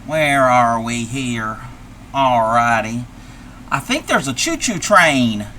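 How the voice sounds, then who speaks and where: Slow and sing-song, a man's medium-pitched voice sounds bright and forceful as he heavily acts out a folksy old grandmother puzzled by technology. It's live stream character play full of old-fashioned exclamations, with slight background noise.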